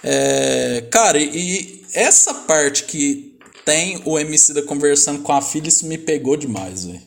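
A man's voice: on the high side, animated, measured pace, creaky. A man co-hosting a casual album-review chat, rambling and enthusiastic with lots of slang fillers. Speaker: podcast co-host reviewing an album.

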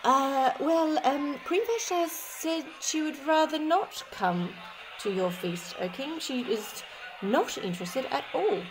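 A woman's voice: high voice, expressive, slow, background noise, pitched above the performer's own voice. A woman voicing a nervous male palace messenger in a storybook reading, hesitating with ums and uhs.

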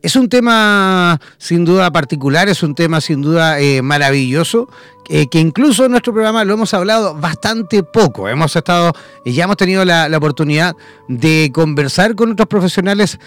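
A man's voice: fairly high pitch, expressive, normal speed, a bit bright, soft background music. Enthusiastic male talk show host. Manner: enthusiastic, formal emcee introductions. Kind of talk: online talk show interview.

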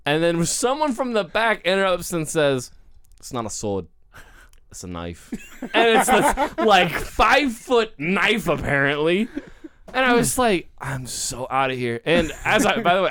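Animated, rambling male podcast host. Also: on the high side, normal speed. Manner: rambling storyteller, lots of likes, animated. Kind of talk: casual chat.

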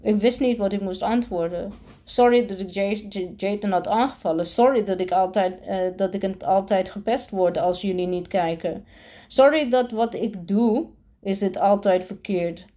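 A woman's voice: mid-range voice, moderate pace, warm tone. A woman reading a first-person storybook aloud, with frequent stumbles and self-corrections. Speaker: reader.

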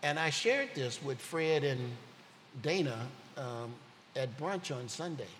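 A man's voice: on the high side, expressive, takes it slowly, fairly bright tone. A man giving a sermon as a guest speaker, telling personal stories in an earnest way. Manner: earnest, personal storytelling preacher. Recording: long hall reverb with faint ambient noise.

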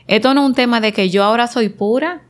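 A woman's voice: fairly high pitch, fast talker. Earnest woman guest reflecting on a podcast. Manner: earnest, reflective, speaks in repeated emphatic phrases. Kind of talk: conversational podcast interview.

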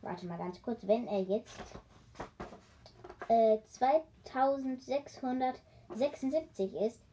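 Woman reader, fairly high mellow voice. Casual storybook read-aloud with chatty asides and self-corrections. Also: slow, slight background noise, poor audio. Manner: chatty, stops to comment and joke with listeners; stumbles over words and corrects herself. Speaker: reader of a children's book.

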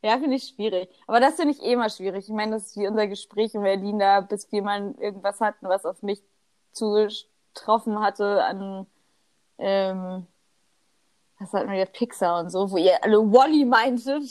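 A woman's voice: mid-range voice, normal speed, darkish tone. A young woman in her twenties chatting casually as a podcast co-host, laughing often and dropping English slang. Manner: giggly, lots of laughter. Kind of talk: casual chat.

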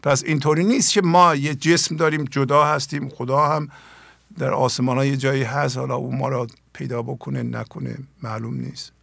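A man's voice: medium pitch, fairly even intonation, creaky, a bit bright, dry recording, clean studio sound. An older man, a spiritual teacher hosting his own program, giving an earnest talk on poetry and asking his listeners many pointed questions.

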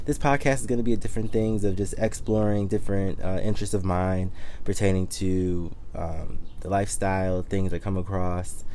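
Low, mellow-voiced man in his twenties. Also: slight background noise. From Detroit, Michigan. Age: 20s. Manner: relaxed, rambling, with many fillers and restarts. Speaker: podcast host. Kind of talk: casual solo podcast monologue.

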